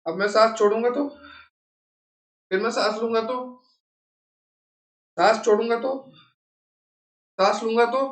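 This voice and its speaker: A man's voice: high-pitched, fairly bright tone, echoey room. A man teaching biology in a classroom lecture, mixing in English textbook terms and asking checking questions.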